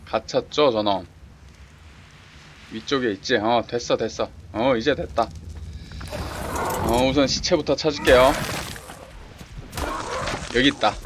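A man's voice: medium pitch, measured pace, pauses often. A man giving casual running commentary while playing a survival game, talking to himself and urging on the creatures. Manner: talks to himself and the game creatures, excited exclamations. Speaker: game streamer. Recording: clear background game noise.

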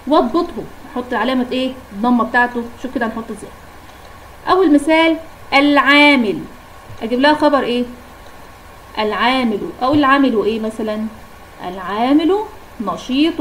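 High-voiced Egyptian woman teaching grammar. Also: a little hiss or hum, rough recording. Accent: Egyptian Arabic. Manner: asks questions then answers them, repeats examples slowly. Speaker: primary school Arabic teacher. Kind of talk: classroom grammar lesson.

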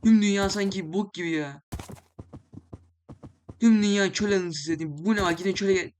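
A man's voice: sits high, normal speed, slight background noise. A young man commentating his Minecraft play, complaining in an exasperated way, swearing casually and talking to the animals in the game. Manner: swears casually, exclaims loudly. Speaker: gaming channel host.

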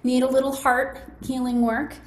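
A woman's voice: sits high, level tone, normal speed. A woman hosting a casual, encouraging live demonstration for a group on a video call, chatty and addressing listeners directly. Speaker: host demonstrating a wellness device to an online group. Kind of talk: casual enthusiastic live demo, with calm guided relaxation. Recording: roomy echoing video call with faint noise.

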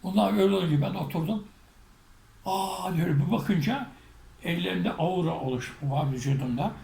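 A man, a spiritual teacher, recounting a personal story in an animated way and acting out the shouts and quotes in it. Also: sits high, normal speed, creaky. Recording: echoey room with faint noise.

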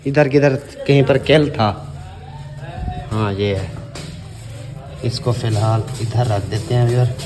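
A man's voice: mid-range voice, steady tone, slow, long pauses, a little mellow. A man with a Pakistani accent vlogging from a village home, giving joking, bossy instructions to helpers as they move things. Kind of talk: casual vlog narration while directing helpers. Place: village house, indoors and outdoors.

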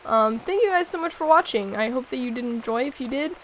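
A hoarse, sick young woman hosting a let's play, chatting and giggling as she reads in-game notes aloud. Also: high-pitched, lively intonation, a little fast, a little hiss or hum, rough recording. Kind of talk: casual gameplay commentary.

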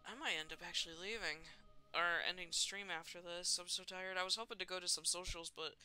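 A woman streamer chatting casually while gaming, giggly and quick to exclaim. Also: on the low side, steady tone, pushed and bright.

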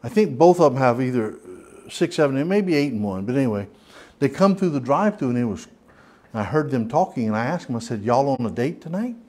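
This Southern-accented man teaches an informal church Bible study in a church hall, rambling folksily with plenty of restarts and fillers. He speaks briskly and expressively in a medium-pitched, slightly mellow voice.

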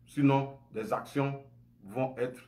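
A man in his forties from Côte d'Ivoire, with an Ivorian French accent, speaks slowly with a medium-pitched, darkish voice and fairly even intonation. Recorded indoors at home, this online commentator talks to camera in an impassioned monologue, indignant and emphatic, gesturing often and posing rhetorical questions.

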